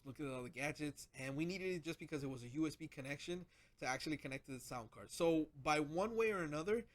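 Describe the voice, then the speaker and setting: Rambling man hosting a gadget vlog. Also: a little high. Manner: rambling, lots of filler and restarts, chuckles. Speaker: channel host. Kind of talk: casual gadget vlog talk.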